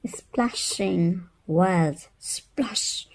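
A children's read-aloud channel host, a woman with a fairly low voice, reads a picture book extremely slowly to babies and toddlers. She uses a playful sing-song delivery and repeats words.

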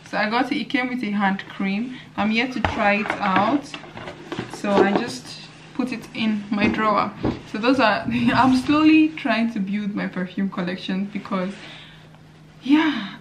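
This woman in her twenties vlogs casually, frequently laughing and speaking directly to viewers through a handheld camera at arm's length, moving from her apartment to the outdoors of a city. Her voice is fairly high, and there is heavy background noise.

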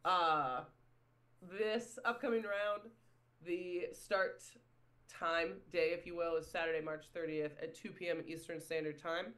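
Man, podcast host, casual chat, somewhat high voice, self-deprecating. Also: fairly even intonation, measured pace, sharp tone. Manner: chatty, self-deprecating, says "if you will" often.

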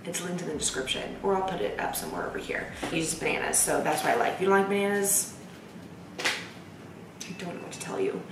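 Young woman, casual vlog host, chatty and upbeat, lowish voice, roomy distant sound. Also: sing-song, fast talker. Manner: chatty, upbeat, says y'all. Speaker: lifestyle vlogger. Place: home kitchen indoors. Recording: echoey room, mic at a distance, noisy.

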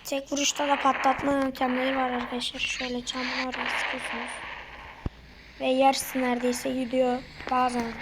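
A woman with a high, hoarse voice talks through a game in a casual let's-play. She reacts excitably and breaks into loud, sudden outbursts. Loud game noise plays behind her the whole time. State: hoarse throat. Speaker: gaming video host.

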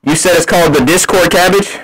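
A man's voice: high voice, a little fast, a bit bright, a little hiss or hum, rough recording. A man hosting a livestream with a voice changer on his voice, hyping things up in loose slang and repeating himself. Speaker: livestream host. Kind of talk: hyped casual livestream talk.

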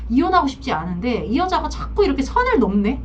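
A woman's voice: high voice, big pitch swings, fast, a little hiss or hum. A woman acting out a married man who firmly and curtly rebuffs his lover's demands. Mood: defensive. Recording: dull lo-fi sound.

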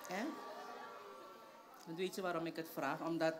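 A woman's voice: low-pitched, level tone, normal speed, natural voice. A woman playing a teasing young girlfriend who fusses over her mother in a live stage comedy. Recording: live theater with audience.

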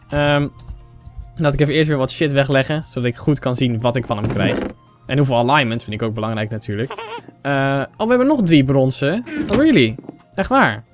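Excitable young man with a sore throat. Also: fairly high pitch. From Netherlands. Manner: excitable, mixes English phrases, talks to viewers as 'jongens'. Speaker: gaming YouTuber. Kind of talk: casual Let's Play commentary.

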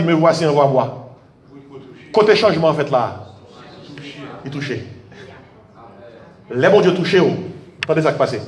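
A man preaching a fervent sermon as pastor, now and then bursting into shouts. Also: a little high, echoey room. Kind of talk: French sermon.

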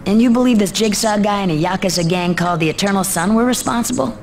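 An actress playing a cool, skeptical interrogator with brisk, pointed questions in a video game. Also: female voice, mid-range voice, background noise, close to an everyday voice. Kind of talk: video game cutscene acting.

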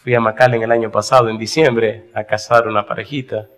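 Animated storytelling pastor, man. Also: fairly low pitch, fairly quick. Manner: animated storytelling, asks the audience questions. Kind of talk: sermon.

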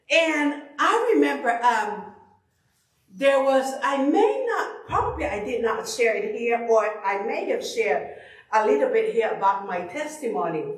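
A middle-aged woman from Tonga preaching a sermon into a handheld mic in a church sanctuary, animated and emphatic, often repeating herself. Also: on the high side. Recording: echoey hall, far from the camera.

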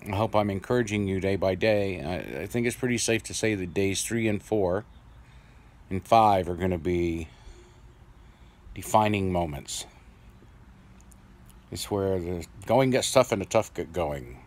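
A man's voice: low voice, darkish tone. A middle-aged man speaking through new dentures with an occasional lisp, rambling casually with fillers in a video diary. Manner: plain-spoken, rambling, pausing with fillers. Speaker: vlogger.

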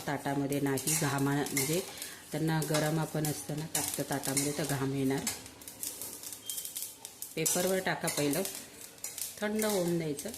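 A soft-spoken woman hosting a casual home-cooking vlog from her kitchen, talking quietly to her viewers. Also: low voice, noisy background. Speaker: home cooking channel host. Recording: clattering pots and sizzling behind voice.

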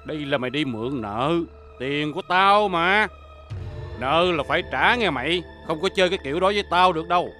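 A man's voice: a little high, animated, brisk, bright, forceful tone, faint music behind. An actor playing a menacing male moneylender who bullies and threatens a poor debtor in a TV crime drama. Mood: threatening. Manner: threatening, bullying, leering. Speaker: loan shark.

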